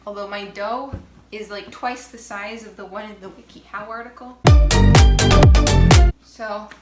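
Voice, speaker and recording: A woman's voice: mid-range voice, steady tone, unhurried, echoey room, loud music behind the voice. A woman chatting casually on a vlog while she bakes at home, exasperated and self-mocking, swearing now and then. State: out of breath. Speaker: vlogger. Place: home kitchen.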